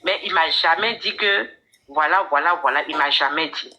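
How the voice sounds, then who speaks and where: A woman's voice: deep voice, normal speed, bright, forceful tone, muffled recording. A woman caller telling her own story to a coach, hesitant, often repeating words and restarting. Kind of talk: casual storytelling chat.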